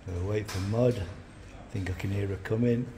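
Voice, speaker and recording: A man casually narrating his travel vlog while walking at night, relaxed and rambling. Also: fairly low pitch, fairly quick. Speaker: vlogger. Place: outdoors at night on city streets. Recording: noisy street recording. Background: street traffic noise.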